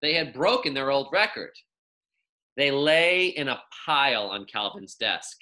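Playing a teacher, a young man reads a children's story aloud, his mid-range voice expressive and emphatic, with key words drawn out.

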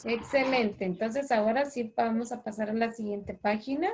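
A woman primary school teacher with a Honduran Spanish accent, teaching a children's online class slowly and clearly and calling the pupils by name. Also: a little high, darkish tone, slight background noise. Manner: patient, slow and clear, calls children by name. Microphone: video call.

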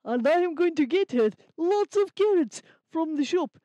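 A woman's voice: extremely high pitch, lively intonation, normal speed, mellow, no echo. A woman voicing a cheerful, earnest young male rabbit in a children's puppet story, speaking in simple, careful sentences. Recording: slightly dull lo-fi sound.

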